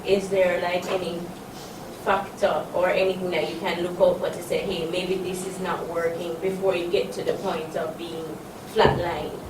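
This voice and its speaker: A woman in the audience asking a measured question at a business symposium. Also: on the low side, little pitch movement. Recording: distant mic in echoey hall, noise.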